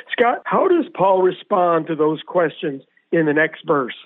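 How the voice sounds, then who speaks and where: A man's voice: a little high, sing-song, takes it slowly, no echo. Methodical male radio Bible teacher, tinny. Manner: methodical, explanatory, poses questions to co-host. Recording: tinny, phone-like radio audio.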